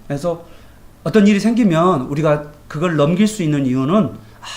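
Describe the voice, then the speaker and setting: A male pastor giving a morning devotion sermon in a colloquial, anecdotal way, often asking his listeners rhetorical questions. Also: high voice. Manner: animated, colloquial, tells everyday anecdotes; asks the congregation rhetorical questions.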